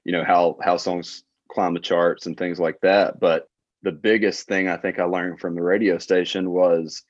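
A low-voiced man in his late twenties with a Southern Alabama accent, telling stories at an easy pace with plenty of ums and uhs. The sound is dry and a little dull, like a dead podcast room. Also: moderate pace, no echo. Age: late 20s. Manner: relaxed storytelling with filler words and laughs. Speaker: guest, tour manager. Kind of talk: casual interview chat.

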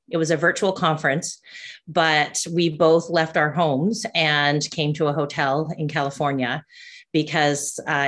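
A woman's voice: low voice, a bit bright. A woman who coaches and hosts a podcast, talking casually with many fillers and restarts. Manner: rambling with frequent fillers and restarts. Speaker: ADHD coach and podcast host. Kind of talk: casual conversational chat.

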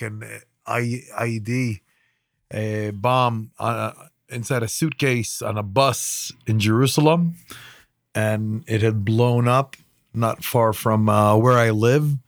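A man's voice: medium pitch, dry recording. Middle-aged man telling stories, dry close sound. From Israel. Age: around 50. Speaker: podcast co-host and emergency responder. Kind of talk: casual personal storytelling.

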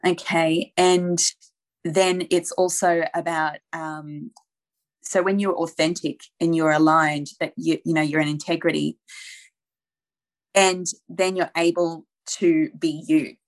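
A woman with a slightly low voice talks through brand strategy as a podcast guest. She speaks earnestly, peppering her explanations with rhetorical questions and casual fillers. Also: little pitch movement, slow. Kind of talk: conversational explaining.

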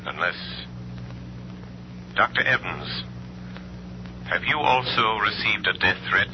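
Casting: commanding mystery vigilante, deep, insinuating, formal, 1930s radio acting, dull old recording. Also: male voice, animated, slow. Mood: cool, probing. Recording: muffled old radio recording, humming noise.

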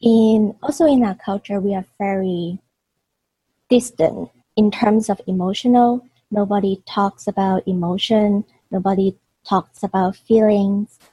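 A woman speaks as a podcast guest, hesitant and full of pauses. Her voice is mellow and a bit breathy, her pace unhurried. The sound is dry and close. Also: mid-range voice, fairly even intonation, no room sound, low-quality recording. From Hong Kong. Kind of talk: casual interview talk.

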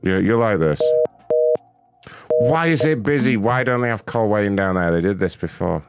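A man's voice: fairly low pitch, expressive, moderate pace, music in the background. A man hosting prank calls with casual, profane, mischievous, exclamatory banter. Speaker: host of a prank call show.

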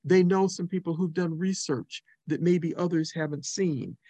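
A man with a voice a touch above the usual male range answers as a guest on a podcast. He talks in a measured, deliberate way and quotes what others have said. The sound is dry and close, on a remote call mic. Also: a little high, warm tone, husky, dry recording.

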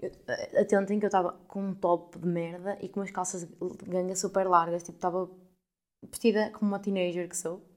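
This is a podcast host, a woman of twenty-one with a European Portuguese accent, talking a little fast in a fairly low voice. She tells her listeners a story casually and with energy, cursing liberally and mimicking those she quotes.

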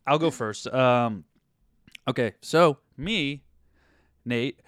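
A man's voice: mid-range voice, drawn-out words, fairly bright tone, dry recording, clean studio sound. A man co-hosting a casual podcast, rambling and often restarting his sentences. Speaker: podcast co-host. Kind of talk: casual chat.

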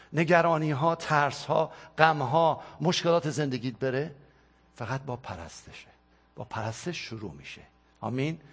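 A man's voice: mid-range voice, husky. A male pastor delivering a sermon and leading a spoken prayer, in an impassioned, repetitive preaching cadence.

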